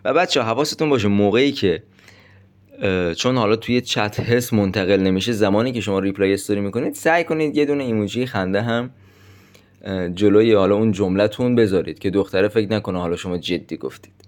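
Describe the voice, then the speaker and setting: A man with a fairly low voice runs through numbered dating tips like a coach. He talks directly and casually to his listeners, as if to friends. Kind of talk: instructional monologue with numbered tips.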